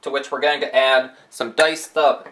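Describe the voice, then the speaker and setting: A middle-aged man hosting a cooking show, calmly giving step-by-step recipe instructions in a home kitchen. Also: mid-range voice, normal speed, noisy background.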